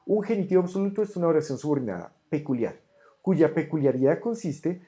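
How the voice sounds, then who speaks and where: Teacher on a desk camera, very dark mellow voice, sounds out greek words slow and careful, patient. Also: mid-range voice, expressive. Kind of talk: online grammar lesson, correcting homework.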